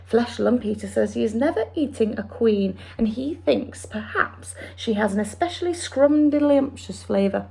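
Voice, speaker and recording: A woman doing a gentle giant's muddled talk. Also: on the high side, animated, moderate pace, creaky, few pauses, a little hiss or hum. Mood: confiding. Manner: ungrammatical, invented words. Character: big gentle male giant, kindly, mangled grammar.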